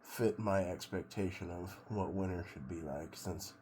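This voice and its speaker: Middle-aged American man, low voice, unhurried and halting casual vlogger, water noise clearly audible behind him. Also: dark tone. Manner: laid-back, musing, halting. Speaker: vlogger doing a cold plunge challenge. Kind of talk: casual rambling vlog monologue.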